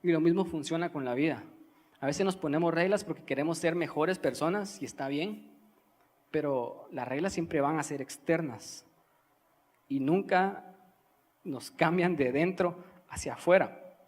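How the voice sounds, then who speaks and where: Young man, earnest sermon, fairly high voice, reverberant church hall. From Guatemala. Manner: earnest, teaching, stresses single words with long pauses. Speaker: preacher.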